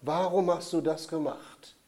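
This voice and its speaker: A man's voice: measured pace, lightly acted. A man doing an eager young boy. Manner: rises high and loud when upset.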